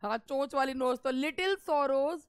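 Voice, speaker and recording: A woman English teacher running a live online exam-prep class, reading lines slowly and deliberately and playfully scolding her students. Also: sits high, dry recording, studio quality.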